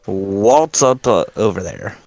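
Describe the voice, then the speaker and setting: A man's voice: lowish voice, lively intonation, takes it slowly, a little mellow, no echo. A man playing a tabletop game, chatting casually and joking. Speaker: player.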